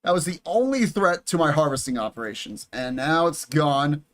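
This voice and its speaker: A young man giving casual, excitable commentary over a strategy game, swearing and chatting with viewers. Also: a little high, moderate pace. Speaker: gaming YouTuber.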